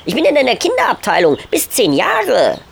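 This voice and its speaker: A man's voice: very high-pitched, wildly swooping pitch, normal speed, gravelly, fairly bright tone, slightly rough, pitched above the performer's own voice, heavily acted. A man voicing a small, cheeky angel boy who sounds sweet, innocent and sly. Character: cheeky little male child angel.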